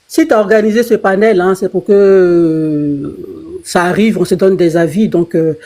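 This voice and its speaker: A woman on a live panel, pleading in a hurried way and cutting in as she asks for her turn. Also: fairly low pitch, dark tone.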